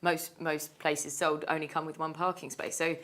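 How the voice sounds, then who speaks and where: A woman's voice: deep voice, level tone, moderate pace, fairly bright tone. A woman hosting a studio panel show, reading out viewer questions in a friendly way. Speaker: TV show host.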